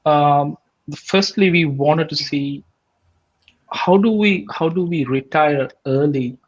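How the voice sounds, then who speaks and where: A man's voice: on the high side, slow pace, highs cut off. A man in his forties, from Sri Lanka, the guest in a casual online interview, talking steadily and earnestly with many ums and restarts.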